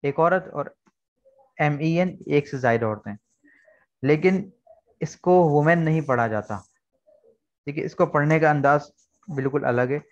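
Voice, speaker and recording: A man's voice: on the high side, measured pace, long pauses, muffled recording. A man teaching an online English lesson, explaining words patiently and repeating key points. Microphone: video call.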